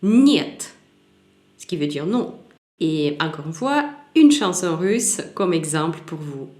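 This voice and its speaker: A woman teaching a language lesson, slowly repeating each example word so it can be copied. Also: low-pitched, big pitch swings, a little mellow. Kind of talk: slow spoken language lesson. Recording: roomy echoey room.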